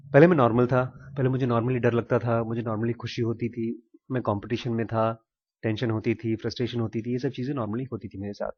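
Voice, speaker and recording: A man giving a casual teaching talk to a small group, telling a story with pauses, questions to his listeners and frequent throat clearing. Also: mid-range voice. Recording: dull lo-fi recording.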